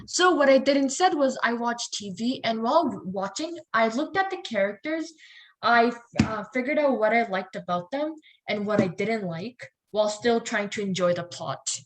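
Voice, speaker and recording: A woman's voice: a little high, expressive, moderate pace, a little hiss or hum, low-quality recording. A young woman chatting on a podcast as a guest, casual and playful with dry sarcastic humor.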